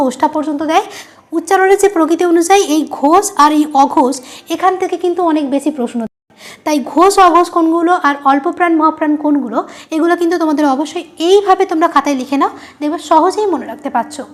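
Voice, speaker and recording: A woman teacher talks through an online grammar lesson. She is patient and repeats each point, often asking a short question and then answering it herself. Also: high voice. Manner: patient, explains by repeating and quizzing the listener.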